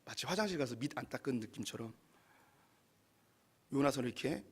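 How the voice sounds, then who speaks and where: A man's voice: mid-range voice, expressive, brisk, breathy edge. A male pastor giving a sermon in a conversational, emphatic way to his congregation in a church.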